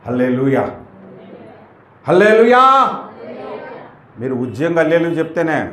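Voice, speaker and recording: A man's voice: fairly high pitch, a little hiss or hum. A male pastor preaching emphatically, acting out prayers and rebukes to show how they should sound. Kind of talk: sermon. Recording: echoey room.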